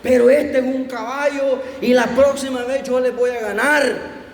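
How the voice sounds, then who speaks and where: A man's voice: extremely high pitch, fairly even intonation, measured pace. A man preaching plays a stubborn, proud owner who insists his donkey is a horse. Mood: aggrieved. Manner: insistent, stubbornly sure of himself. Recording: echoey hall, faint room noise.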